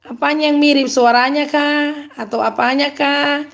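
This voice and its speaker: A woman with a Medan accent and a slightly high voice hosts a live stream. She reads viewer comments aloud and answers them in an upbeat, chatty way, laughing often. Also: steady tone, a little slow. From Medan, North Sumatra.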